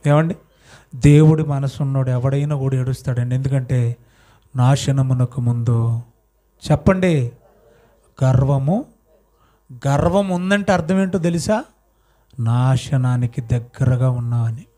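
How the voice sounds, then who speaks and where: A male pastor telling a story in a sermon, questioning his congregation and having them answer aloud, swinging between loud and soft. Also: mid-range voice, unhurried, long pauses.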